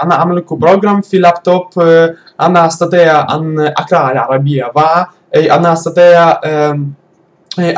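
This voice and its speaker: In a vlog, a man whose voice sits slightly high talks in beginner-level Arabic, a language that isn't his first. He keeps hesitating, drawing out long "ah" sounds and restarting sentences as he searches for words. The whole thing comes across casual and unpolished.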